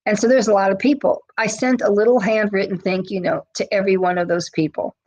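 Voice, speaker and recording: A woman's voice: mid-range voice, steady tone, fast talker, darkish tone, low-quality recording. Chatty woman advocate on a webinar. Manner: chatty storytelling with many fillers. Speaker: special education advocate. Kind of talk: webinar presentation.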